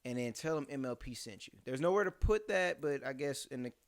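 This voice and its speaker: A man's voice: mid-range voice, lively intonation, brisk, dry recording. Chatty young man hosting a podcast. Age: 20s. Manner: chatty, reads sponsor plugs loosely. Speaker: podcast host. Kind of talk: casual podcast chat.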